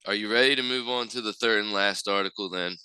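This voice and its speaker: A low-voiced man reads news stories aloud as a podcast co-host, with a very bright, forceful tone. His voice is smooth and crisp. The sound is dry and close, with no room echo. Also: fast talker.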